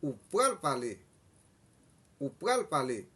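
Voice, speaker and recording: Slow husky man teaching a language. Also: a little high, very animated, fairly bright tone. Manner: repeats each phrase twice, slow and deliberate. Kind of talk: slow bilingual language lesson.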